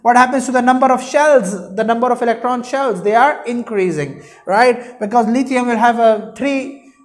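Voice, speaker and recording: A man's voice: extremely high pitch, moderate pace. A young man gives an explanatory classroom lecture. He teaches by posing questions and answering them himself, adding short check-in tags as he goes. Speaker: chemistry teacher. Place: indoor room at a whiteboard.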